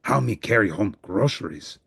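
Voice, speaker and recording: Gruff goofy monster, easygoing, broken grammar, storybook voice. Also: deep voice, lively intonation, moderate pace, fairly bright tone, no echo, studio quality, voice pushed down, heavily acted. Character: simple, gruff, good-natured cookie-loving monster. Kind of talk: storybook character voice.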